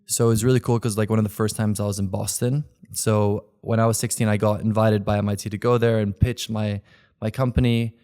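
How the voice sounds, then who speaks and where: A man's voice: lowish voice, flat delivery, a little fast, warm tone, clean tone. A man in his twenties from Belgium, chatting casually as an interview guest and leaning on "like" as a filler. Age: 20s. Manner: rambling, heavy use of "like" fillers. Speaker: guest, content creator.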